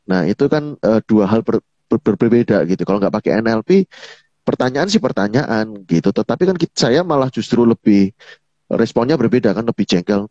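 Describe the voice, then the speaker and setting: A man's voice: fairly low pitch, lively intonation, moderate pace, dark tone, no echo. A man, an NLP coach explaining ideas in casual talk, padding phrases with fillers and acting out quoted people. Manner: chatty, fills with "gitu ya", quotes others in a raised voice. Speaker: NLP coach, guest speaker. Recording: dull dry lo-fi online audio.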